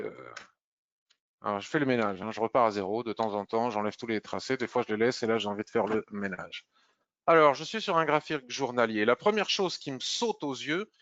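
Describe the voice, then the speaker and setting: A man talks through trading charts in a loose, chatty way, often pausing with fillers. His mid-pitched voice comes through a dry, slightly dull mic with no room sound. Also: a bit bright, dry recording. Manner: chatty, hesitant with many "euh" fillers. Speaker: market analyst. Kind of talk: screen-share market review.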